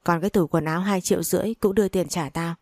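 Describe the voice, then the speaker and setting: A woman's voice: fairly low pitch, fairly even intonation, fast, a little mellow, no room sound, studio quality. A woman reading the lines of a greedy, spiteful older mother-in-law who scolds and curses. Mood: furious. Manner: scolding, cursing, sneering.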